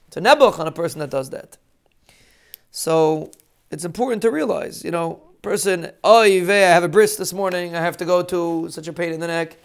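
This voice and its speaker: A man with a Yiddish-inflected accent giving an informal sermon in an earnest, halting, emphatic way, often repeating phrases. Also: high-pitched, gravelly. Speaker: religious speaker giving a short daily talk.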